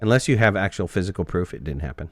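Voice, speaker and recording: A man with a slightly low voice chats casually through a live game stream. He jokes with his viewers and answers their chat messages as he plays. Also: expressive, fast talker. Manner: chatty, joking, reads chat aloud.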